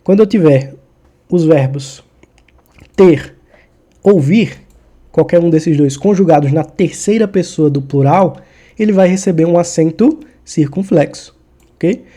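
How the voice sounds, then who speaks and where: Man teaching grammar, very mellow tone. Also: a little high, a little slow, long pauses. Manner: informal, checks in often with the listener. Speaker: exam-prep Portuguese teacher. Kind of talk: casual explanatory lesson.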